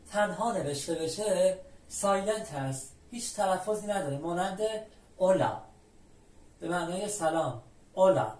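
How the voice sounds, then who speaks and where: A patient, methodical teacher from Iran walks through the alphabet and repeats every example word slowly. The mic sits some distance away, so the voice carries a roomy echo. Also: medium pitch. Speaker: language teacher. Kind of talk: explaining the Spanish alphabet step by step.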